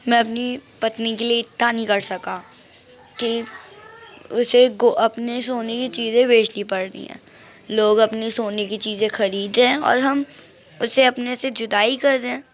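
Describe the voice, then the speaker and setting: A woman's voice: on the high side, fairly even intonation, a little slow, slight background noise, natural voice. A woman voicing a poor husband and father who talks in an ashamed, self-reproaching way.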